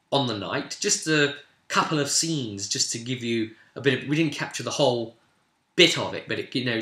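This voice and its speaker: A man hosts a role-playing vidcast as the game master, casually recapping a tabletop session with animated storytelling that bursts into sudden emphatic swells. His voice sits at a medium pitch, and the room sounds roomy and echoing.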